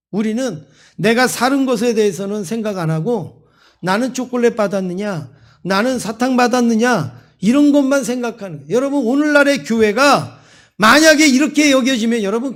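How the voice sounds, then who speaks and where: This is a male pastor with a high-pitched voice, preaching a Sunday sermon. He moves between a told story and emphatic, rising exhortation to the congregation. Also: lively intonation, brisk.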